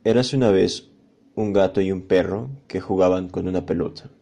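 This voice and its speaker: A man with a deep, gravelly, dark voice narrating a children's fable. He reads in a calm, measured way.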